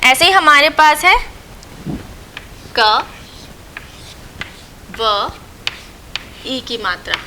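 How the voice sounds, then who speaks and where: Slow, bright-voiced woman teacher. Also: high-pitched, big pitch swings, a little hiss or hum, rough recording. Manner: slow, patient, repeats and asks questions then answers them. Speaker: school teacher. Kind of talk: recorded online lesson for young children.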